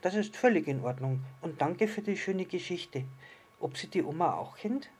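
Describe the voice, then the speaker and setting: A man voicing a curious, eager little star child in a storybook reading, full of excited questions. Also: high-pitched, normal speed, husky, pitched above the performer's own voice. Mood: wondering.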